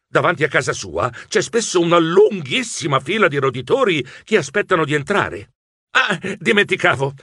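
A man narrating a children's audiobook in first person as a nervous mouse writer, in an expressive storytelling voice. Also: a little high, husky, no room sound, studio quality.

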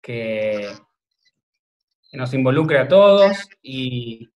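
An Argentine man, a video maker, answering interview questions in a relaxed, rambling way full of fillers. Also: medium pitch, very slow, highs cut off. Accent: Argentine Spanish. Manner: rambling, thinks aloud with many fillers. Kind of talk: casual remote interview conversation.

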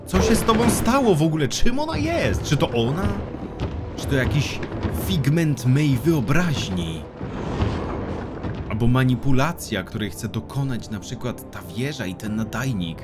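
A young man commenting on a horror game as he plays, swearing often, shouting in panic and dropping to a quiet mutter. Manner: excitable, swears a lot, yells in panic, then drops to a low mutter. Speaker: gaming YouTuber. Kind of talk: let's play commentary. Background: game music.

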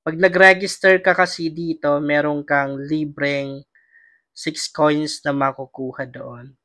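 A man's voice: fairly high pitch, fairly even intonation, slow, sharp tone, no room sound, clean studio sound. A young Filipino man hosting a casual gaming vlog, his voice strained by a cough. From Philippines. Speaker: vlogger and host.

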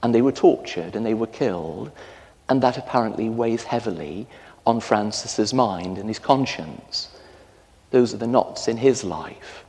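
A man in his fifties with an English accent, a parish priest delivering a storytelling sermon with lively gestures in a large stone church. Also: fairly low pitch, unhurried. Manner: storytelling, animated gestures while preaching. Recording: long church reverb.

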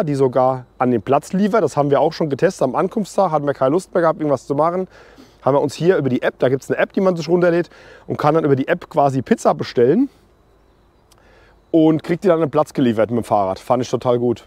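A man's voice: a little high, darkish tone, no room sound. A man in his forties walking around a campground, chatting casually to viewers about what it offers. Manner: chatty, opinionated, addresses viewers directly. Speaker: camping vlogger. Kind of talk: casual walk-and-talk review. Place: outdoors on a campground. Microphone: small clip mic on hoodie, camera held at arm's length.

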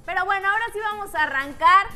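A woman's voice: very high-pitched, fast. A young woman hosting a TV music show, teasing and playful in studio banter. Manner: playful, teasing, laughs often. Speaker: TV show host. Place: TV studio set. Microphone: lapel mic.

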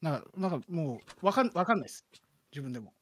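Chatty Kansai-born man, lively pitch. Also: fast. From Kansai region of Japan. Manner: chatty, self-deprecating, full of fillers. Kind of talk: casual chat.

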